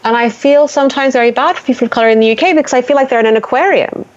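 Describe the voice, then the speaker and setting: A woman's voice: high-pitched, rapid-fire. A woman from Sudan speaking as a columnist on a podcast panel, earnest and restarting her phrases as she goes. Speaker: panel guest, newspaper columnist. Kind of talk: casual podcast discussion. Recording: dull lo-fi audio.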